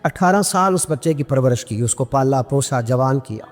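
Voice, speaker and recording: A man preaching an impassioned sermon, telling stories with fervent, climbing emotion and quick Arabic recitation. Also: expressive. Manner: fervent storytelling, pitch climbing as emotion builds. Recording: long hall reverb with background music.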